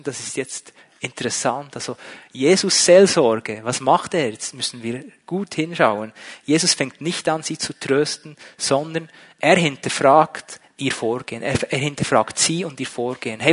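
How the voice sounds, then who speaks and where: A man's voice: a little high, measured pace, husky. A man preaching a sermon, emphatic and full of rhetorical questions.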